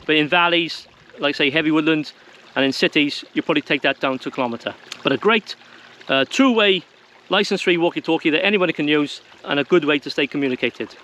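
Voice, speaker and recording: The man's fairly high voice sounds pushed and bright, and he keeps a quick pace. He delivers informal how-to guidance to viewers in plain, conversational terms.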